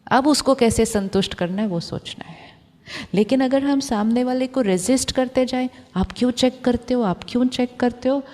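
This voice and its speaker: A woman giving a calm, reflective spiritual talk to an audience of doctors, asking them questions and mixing in English phrases. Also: on the high side, big-room sound. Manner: mixes Hindi with English phrases. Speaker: spiritual teacher.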